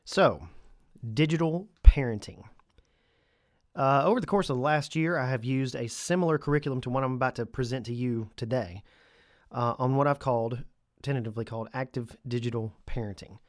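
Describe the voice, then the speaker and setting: Talking fairly quickly in a mid-range voice, a stuffy-nosed man hosts his podcast alone and chats casually with gently joking asides. The studio-quality audio has no echo.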